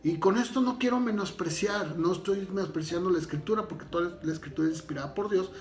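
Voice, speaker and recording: A man's voice: sits high, quick pace, darkish tone. A man pastor giving a conversational sermon, thinking aloud with fillers and restarts. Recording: roomy echo with faint music behind.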